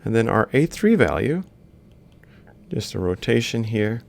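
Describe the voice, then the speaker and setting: A university lecturer records an instructional screen-capture lesson, thinking aloud as he writes, explaining step by step and reading out values piece by piece. His lowish voice is creaky and sing-song, moving a little slowly.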